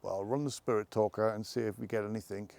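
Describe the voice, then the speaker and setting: A man hunting ghosts outdoors in a forest at night. He calls out questions to spirits, then talks quietly to his companion. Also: fairly low pitch, steady tone, fast, vocal fry. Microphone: camera held by a companion.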